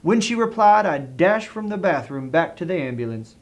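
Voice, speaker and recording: A man with a Southern US accent narrates in a fairly high voice. His delivery is genteel and theatrical, treating a comic review as a dramatic tale. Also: big pitch swings, normal speed.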